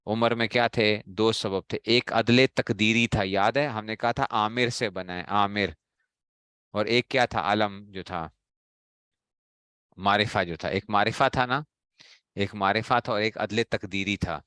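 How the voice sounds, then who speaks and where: A man with a Pakistani Urdu accent leads a grammar class, asking a question and then giving the answer himself. He speaks slowly in a smooth, low voice. The sound is close and dry. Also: a bit bright, dry recording. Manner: drills students with repeated questions and answers. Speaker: teacher of Arabic grammar. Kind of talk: classroom lecture.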